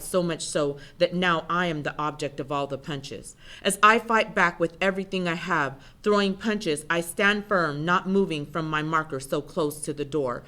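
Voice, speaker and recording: Woman, spoken word poet, dramatic first-person narration, slightly low voice, tense and bright.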